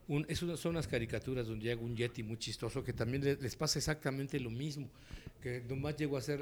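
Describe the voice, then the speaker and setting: A man's voice: medium pitch, a little hiss or hum. A man with a Mexican accent, a voice actor and dubbing director, telling stories in an interview and acting out the quotes. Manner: animated storyteller, acts out quotes, laughs often. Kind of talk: relaxed interview storytelling.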